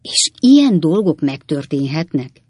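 A reader voicing Mr. Pickwick, an earnest, kindly elderly gentleman who asks and exclaims a lot, in a dry audiobook reading. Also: mid-range voice, expressive, dry recording. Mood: earnest, inquiring.

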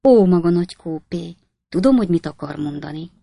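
A woman's voice: on the low side, animated, creaky, mellow, no echo. A woman doing a coy, jealous spinster aunt. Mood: coy, fussing. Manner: simpering, flirtatious whispering.

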